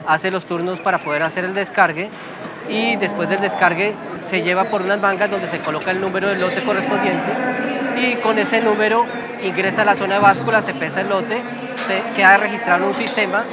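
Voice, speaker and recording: A man's voice: sits high, fairly even intonation, a little fast. A man with a Colombian accent explaining things in an interview as a cattle auction representative. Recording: loud music and crowd noise behind. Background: loud music, crowd.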